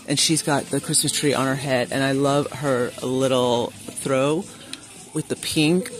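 A woman filming a shop-with-me vlog in a large store on a handheld phone, chatting excitably and reading prices aloud. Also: extremely low pitch. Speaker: vlogger. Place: large indoor retail store. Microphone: handheld phone camera.

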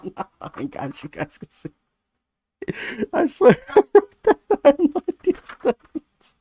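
A man's voice: fairly high pitch, darkish tone, dry recording. A man in his thirties giving a casual, sweary movie review to camera, rambling and jokey. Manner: rambling, jokey, laughs easily.

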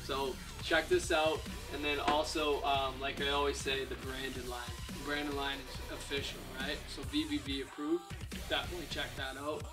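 Young man, casual review vlog, upbeat, slightly high voice, distant mic, music behind. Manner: upbeat, keeps adding "right?". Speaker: vape product reviewer. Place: living room, indoors.

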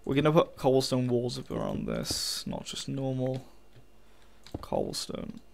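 A man's voice: mid-range voice, huge pitch swings, unhurried, vocal fry, a little hiss or hum. A young man giving casual, frustrated commentary while playing a game, swearing often and talking to his viewers. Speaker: gaming channel host.

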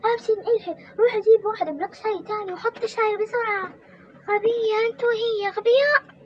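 A woman's voice: very high voice, fast talker, pitched above the performer's own voice. A woman voicing a bitter, shrieking older mother-in-law who screeches in fury. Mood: scolding. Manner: screeching furious wails. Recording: muffled with background noise.

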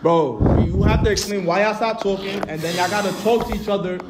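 A man hosting a reaction video, joking loudly and repeating himself in casual chat. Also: high-pitched, brisk, reverberant, background noise. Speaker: reaction host.

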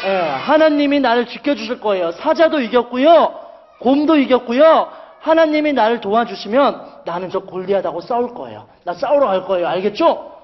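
A man's voice: very high voice, animated, normal speed, in a large hall, muffled recording. A man voicing a brave young shepherd boy in a children's Bible story. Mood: determined.

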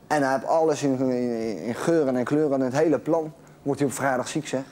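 Fast-talking man telling a joke. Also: medium pitch, darkish tone. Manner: rapid, laughing while telling. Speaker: joke teller.

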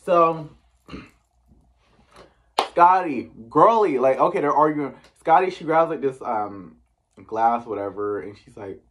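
A man's voice: fairly high pitch, animated, slow pace, pauses often, background noise. A man from the US East Coast recapping a reality show in casual chat, chatty and sassy, full of "like" and slang asides.

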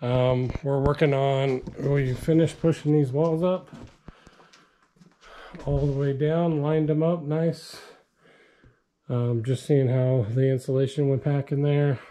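A middle-aged man with a mellow, dark voice, talking casually through his basement framing job. He rambles and fills pauses with "um" as he points things out, picked up by a body-worn action camera in a bare basement. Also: mid-range voice, flat delivery. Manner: rambling, filler-heavy explaining. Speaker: DIY vlogger. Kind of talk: casual on-camera DIY walkthrough. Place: unfinished basement under construction.

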